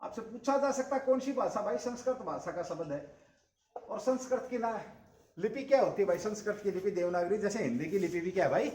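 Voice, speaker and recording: High-voiced Haryanvi man lecturing a class. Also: expressive, fairly quick, a little mellow. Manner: repeats key terms, asks and answers his own questions, calls listeners brother. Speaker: coaching class teacher. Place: coaching classroom. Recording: echoey classroom.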